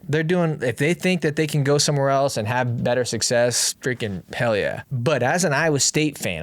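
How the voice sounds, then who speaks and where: A young man at a close, dry-sounding mic rants about his team with biting sarcasm. He fires off rhetorical questions, swears freely, and swings between loud disbelief and low, muttered asides in a mid-range voice. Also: no echo. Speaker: podcast host. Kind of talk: casual sports rant.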